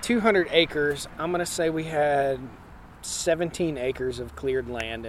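A farmer in his forties talks in a plainspoken, emphatic way, often restarting his sentences. His voice sits on the higher side for a man. Faint outdoor noise hums behind him. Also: fairly bright tone. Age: 40s. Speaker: homesteading farmer and guest. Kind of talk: casual interview chat. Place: outdoors at a conference.

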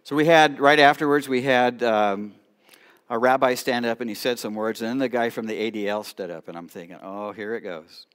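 A middle-aged man, a rabbi, telling stories to a congregation with animated delivery and quiet asides. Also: mid-range voice, a little fast, clear, resonant tone. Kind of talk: storytelling talk to a congregation.

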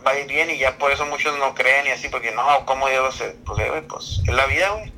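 A man's voice: mid-range voice, fast talker, bright, forceful tone, a little hiss or hum, rough recording. A man hosting a casual podcast chat, slangy and loose, dropping a casual filler into nearly every phrase. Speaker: podcast host.

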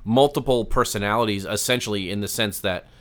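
A man's voice: fairly low pitch, fairly quick. A man co-hosting a podcast in casual chat, rambling and hesitant with many restarts. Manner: rambling, hesitant, clowns a French accent. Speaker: podcast co-host.

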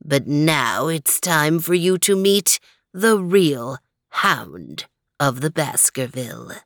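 Storybook villain: purring evil tomcat mastermind, deep and drawn out, read by a woman. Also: sing-song, a bit bright, no echo, studio quality, exaggerated voice. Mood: gloating villainy. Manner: purring, gloating, slow and menacing. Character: sly evil male cat criminal mastermind.

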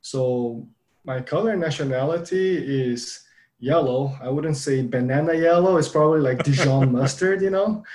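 A man from Brazil, a panel guest who talks about himself in a relaxed, joking way. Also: fairly high pitch, moderate pace. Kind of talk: scripture reading and casual chat.

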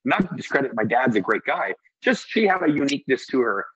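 A man's voice: medium pitch, big pitch swings, a little fast, fairly bright tone, husky, highs cut off. A middle-aged man from Iceland who owns a restaurant and brewery, talking casually in an interview, rambling and earnest with many restarts.

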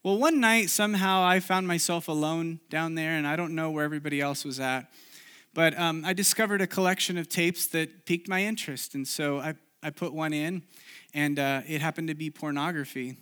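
A man's voice: fairly high pitch, fairly even intonation, fairly quick, pushed and bright, smooth. A man who grew up in Chile, preaching a sermon and sharing his own story in an earnest, confessional way with frequent restarts. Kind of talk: sermon with personal testimony.

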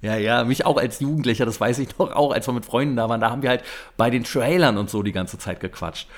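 A man, telling a story in casual chat, animated and acting out the people he quotes. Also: mid-range voice, quick pace.

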